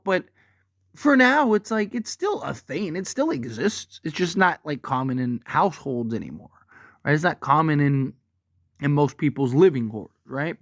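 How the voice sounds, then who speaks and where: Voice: mid-range voice, no echo, studio quality. A film fan giving casual opinion commentary in a rambling, emphatic, conversational way, often checking for agreement with short tag questions.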